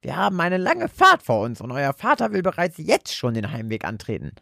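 A man's voice: huge pitch swings, fairly quick, vocal fry, bright, forceful tone, dry recording, studio quality, exaggerated voice. A man voicing a stern, scolding middle-aged mother in a spoken horror story. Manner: scolding, shrill.

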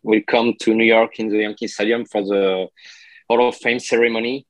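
A man from France with a French accent and French as his native language, telling stories in a casual interview, haltingly searching for English words as if translating in his head. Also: fairly low pitch, flat delivery, no room sound, low-quality recording. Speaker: podcast guest and card collector.

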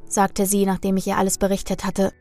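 A woman's voice: mid-range voice, completely flat delivery, a little fast, darkish tone, faint music behind. Woman narrating a spooky story. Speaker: storyteller reading listener stories. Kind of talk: scripted first-person narration of a ghost story.

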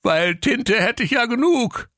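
A man voicing an excitable male octopus in a comic audio fairy tale. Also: measured pace, no echo, studio quality, full character voice. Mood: excited. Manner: excited, squeaky. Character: squeaky male octopus with writer dreams.

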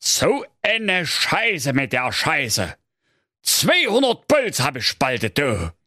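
A man's voice: fairly high pitch, huge pitch swings, slow pace, sharp tone, dry recording, clean studio sound, voice pushed up, full character voice. A man voicing a grumpy, crude old king in a coarse Saxon accent. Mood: grumbling. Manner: coarse and blustering.

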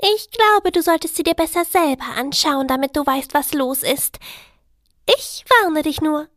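A man voicing a giggly young female neighbor in a high falsetto. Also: a little slow, a bit bright, dry recording, clean studio sound. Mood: teasing. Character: chirpy young woman neighbor.

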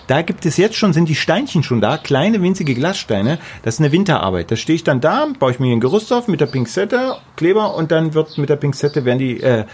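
Emphatic husky middle-aged German man. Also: on the high side, big pitch swings, fairly quick, hardly any pauses, darkish tone. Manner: emphatic, repeats words for stress. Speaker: artist building his house. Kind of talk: casual interview talk.

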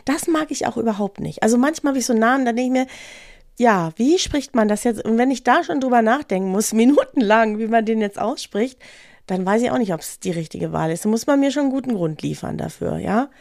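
A woman co-hosting a chat podcast, lively and chatty, laughing often and adding tag questions. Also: fairly high pitch, fast, gravelly, dry recording, clean studio sound. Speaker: podcast co-host. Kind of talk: casual chat.

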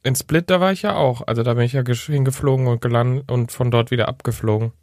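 A man's voice: medium pitch, fast, darkish tone, no echo, clean studio sound. A man co-hosting a podcast in casual chat, joking and playful. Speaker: podcast co-host. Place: home studio.

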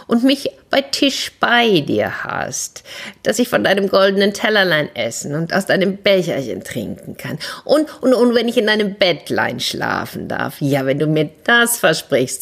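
A woman voicing a male frog in a spoken fairy tale, drawn-out and wheedling as he bargains. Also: fairly low pitch, gravelly, exaggerated voice. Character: male frog pleading from a well.

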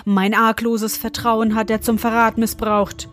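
A woman's voice: fairly high pitch, flat delivery, a little slow, a bit bright, faint music behind. A woman voicing a desperate young prince in a read-aloud fairy tale, protesting breathlessly.

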